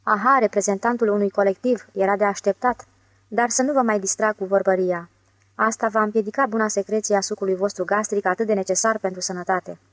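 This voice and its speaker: A glib young swindler who talks his way around anyone, sarcastic one moment and wheedling the next, as a woman reading an audiobook puts him on. The voice sits at a middle pitch. It is dry and close, with no room around it. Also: steady tone, dry recording, natural voice. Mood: mocking. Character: scheming smooth-talking young male con man. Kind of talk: audiobook character voice.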